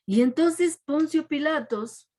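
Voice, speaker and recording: A woman teaching a children's Bible lesson, retelling the story and ending almost every phrase with a soft, falling question tag, with frequent restarts. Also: sits high, takes it slowly.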